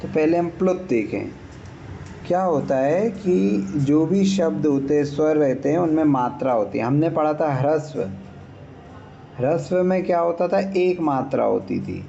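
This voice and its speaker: A man's voice: a little high, lively intonation, unhurried, vocal fry, warm tone, lo-fi sound, a little hiss or hum. A man teaching Sanskrit grammar in an online class, patiently explaining and checking that students follow. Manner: patient, checks understanding, demonstrates sounds aloud.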